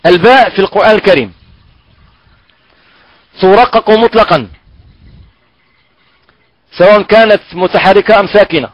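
A man with a high voice teaches Quran recitation, pausing often and drawing out syllables to show how each sound should be formed. The recording is dry and close, with a dull, muffled lo-fi tone. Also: no room sound. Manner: halting, repeats and drags out sounds to demonstrate pronunciation. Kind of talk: recorded online tajweed lesson.

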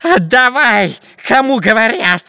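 Skinny long-nosed spy, shrill, squealing, wildly swooping voice, dry close mic. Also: male voice, very animated, takes it slowly, bright, forceful tone, no echo, exaggerated voice. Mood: shrieking.

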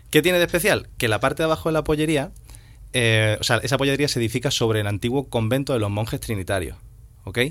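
A man's voice: medium pitch, fairly bright tone. A man, a podcast guest and musician, telling a story in a slangy, rambling, conversational way. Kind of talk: casual storytelling.

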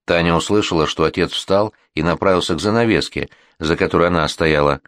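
Low-voiced guy reading a novel, steady storytelling, dry close mic. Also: a little fast, no echo. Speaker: audiobook narrator. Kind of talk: scripted narration.

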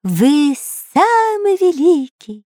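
A woman's voice: sits high, very animated, very slow, mellow, no echo, clean studio sound, voice pushed up, exaggerated voice. A woman voicing a cowardly, fawning male pet parrot in a storybook reading, squawky and stammering. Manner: squawky, eager to please, stammering. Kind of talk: storybook narration.

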